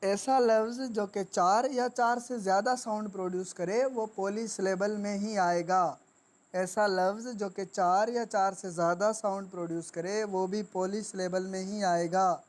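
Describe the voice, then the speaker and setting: A woman teaching grammar. She speaks deliberately and repeats each word for dictation. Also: mid-range voice, fairly even intonation, darkish tone. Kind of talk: classroom lesson.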